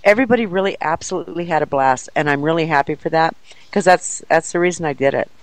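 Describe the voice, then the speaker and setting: A woman who organizes paranormal events, telling an excited story in an interview, animated and laughing often. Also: deep voice, quick pace, no echo, poor audio.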